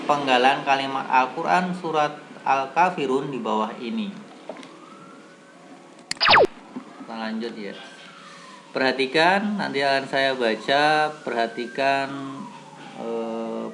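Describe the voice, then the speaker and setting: A man teaching a Quran reading lesson, explaining patiently and chanting the verses in a melodic recitation. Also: medium pitch. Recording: audible background noise.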